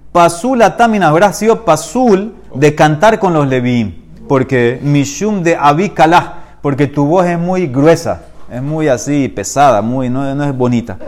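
A man teaching a Talmud class, reading Aramaic passages and explaining them in Spanish. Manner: animated, rises in pitch when stressing points.

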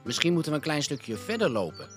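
A man's voice: fairly high pitch, big pitch swings, quick pace, over music, voice pushed up. A man voicing a small cautious boy bear cub who stammers and worries. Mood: worried. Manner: hesitant, stammering, earnest.

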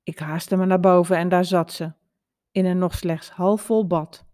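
Slow, mellow woman reading her story. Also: lowish voice. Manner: calm, wry storytelling. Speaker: narrator of a personal story. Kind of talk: read-aloud personal narrative.

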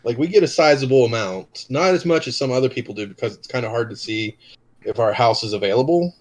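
A man co-hosting a podcast in casual chat, cracking dry deadpan jokes. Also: mid-range voice, fast, rough recording. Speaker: podcast co-host.

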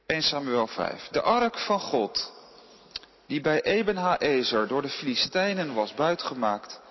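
A man reading a Bible passage aloud at a steady pace, now and then correcting a slipped word. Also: mid-range voice, husky, in a large hall, muffled recording. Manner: steady reading with occasional slips and self-corrections. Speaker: scripture reader.

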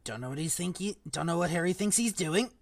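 Hagrid, voiced by a reader as a hushed, low giant. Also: expressive, brisk, gravelly, no echo. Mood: worried. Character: rough-spoken giant groundskeeper, gruff and anxious. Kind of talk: audiobook reading.

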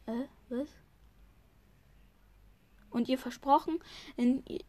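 A woman's voice: fairly high pitch, a little mellow. A woman reading a novel chapter aloud, often stumbling and restarting words. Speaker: reader.

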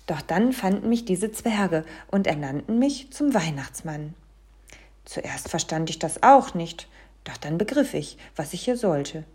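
A woman reading a storybook aloud, voicing a friendly, hearty old Santa Claus who gives commands in a booming voice. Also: mellow, slightly rough, heavily acted.

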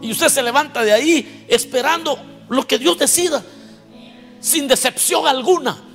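A man's voice: very high-pitched, moderate pace, a bit bright. A man preaching a sermon in an emphatic way, asking his congregation questions as he goes. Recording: long hall reverb with faint music.

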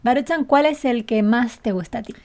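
A woman with a lilt and a fairly high voice, co-hosting a relaxed podcast. She explains things patiently and breaks into easy laughter often. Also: brisk. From Canary Islands. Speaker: podcast co-host and Spanish teacher. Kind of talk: casual chat.

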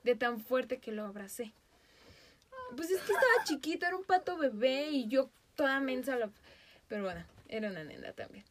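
A woman with a Mexican Spanish accent, hosting a podcast and telling a story in a casual, animated way, often breaking into laughter. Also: sits high, normal speed, slight background noise. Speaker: podcast host.

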